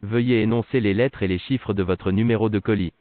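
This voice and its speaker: This automated phone agent uses a synthetic male text-to-speech voice, lowish and fairly even, moving at a fairly quick clip. Its polite, scripted customer service prompts come through a tinny, dry line.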